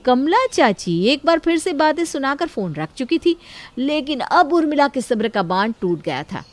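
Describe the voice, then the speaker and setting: A woman narrating a family story in a calm storytelling tone. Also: sits high, normal speed. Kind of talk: scripted narration.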